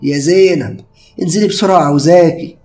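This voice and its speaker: A man's voice: fairly high pitch, fairly even intonation, racing, a little hiss or hum, voice pushed up, natural voice. A man with an Egyptian accent voicing a stern, anxious middle-aged village mother who scolds her daughter. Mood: urgent calling. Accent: Egyptian Arabic. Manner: scolding, impatient.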